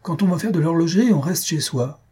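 A man's voice: mid-range voice, lively intonation, dark tone, breathy edge. A man voicing a pompous, irritable old painter who blusters and flares up, in a comic audiobook. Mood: furious. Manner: blustering, quick to anger. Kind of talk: audiobook reading of a comic story.

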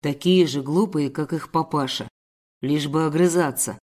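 A woman's voice: sits low, normal speed, a little mellow, pitched below the performer's own voice. Woman voicing a sneering, cold male kidnapper. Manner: gruff, contemptuous.

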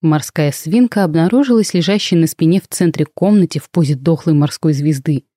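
A woman reading a first-person audiobook aloud, lively and voicing every character herself. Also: low-pitched, a little fast, no echo, studio quality. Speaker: audiobook narrator.

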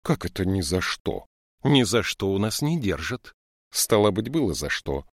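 A man's voice: deep voice, very animated, normal speed, no echo, studio quality, full character voice. A man voicing a strict, stocky woman police lieutenant in an audiobook, scolding and lecturing young thieves. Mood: stern. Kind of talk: audiobook character voice.

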